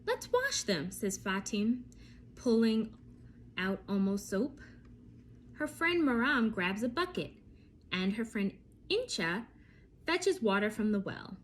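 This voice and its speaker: A woman reads a picture book to young children, telling the story expressively with deliberate phrasing and dramatic pauses. Her mid-range voice is animated, and there's a little hiss or hum.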